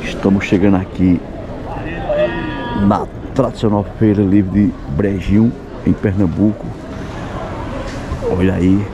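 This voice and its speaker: A man's voice: deep voice, fairly even intonation, unhurried, pauses often. A man with a Northeastern Brazilian accent hosts a casual market tour, chatting with vendors. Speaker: vlog host. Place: outdoor street market. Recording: noisy outdoor market, crowd and street sound. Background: loud crowd, traffic and market noise.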